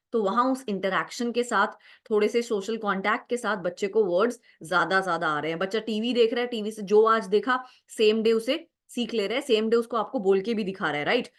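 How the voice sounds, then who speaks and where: A woman's voice: mid-range voice, a little fast. A young adult woman teaching an exam-prep lecture, explaining step by step, mixing Hindi and English, and often asking "right?". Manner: explanatory, mixes Hindi and English, frequent "right?" check-ins.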